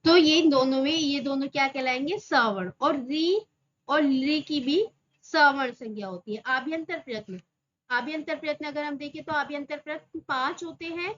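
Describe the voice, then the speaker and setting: A woman's voice: high voice, fairly bright tone, muffled recording. A woman teaching an exam-prep grammar lesson, repeating each term and answering her own questions. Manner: slow, repeats terms and asks rhetorical questions.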